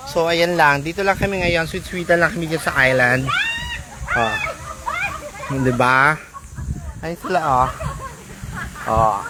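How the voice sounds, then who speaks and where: A woman's voice: low voice, a little slow, long pauses, noisy background. A woman from the Philippines livestreaming outdoors on an island beach, chatting casually and greeting her viewers one by one by name. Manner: chatty, reads out viewer names and shout-outs. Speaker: vlogger on a livestream.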